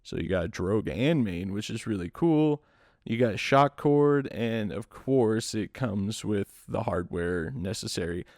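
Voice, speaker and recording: Man, podcast host, lowish voice, relaxed rambling chat, dry self-mocking humor, dry close sound. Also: a little slow, no echo.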